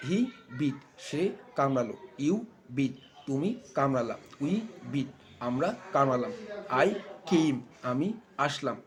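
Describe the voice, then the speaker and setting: A man teaching an English tense lesson, slowly and deliberately repeating verb forms for the learners. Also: mid-range voice. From Bangladesh. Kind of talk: spoken English lesson with drill repetition.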